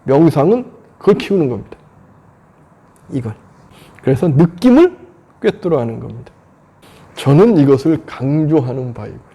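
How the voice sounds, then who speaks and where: Monk in his 50s giving a dharma talk, gravelly and mellow, high voice that swings up and down a lot, earnest and chatty. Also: expressive, moderate pace, long pauses. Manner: earnest, conversational, rhetorical questions. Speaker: Buddhist monk teacher.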